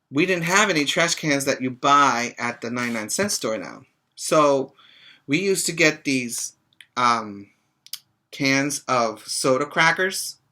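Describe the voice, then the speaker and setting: Reading a children's book to young pupils and chatting with them, a middle-aged preschool teacher explains things simply and expressively, slipping in short asides. He has a mid-range voice and is recorded in a small indoor room on a webcam or laptop mic about an arm's length away.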